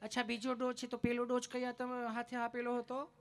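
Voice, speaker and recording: A man voicing a polite, soft-spoken female nurse who asks patient, sweet questions at a vaccine clinic. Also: extremely high pitch, monotone, a little fast, pitched above the performer's own voice. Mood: gently questioning.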